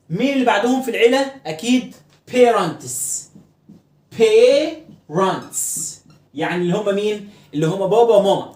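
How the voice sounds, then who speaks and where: A man with an Egyptian Arabic accent, teaching an English lesson and explaining pronunciation, who often repeats words slowly to drill them. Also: high-pitched, a little mellow, echoey room.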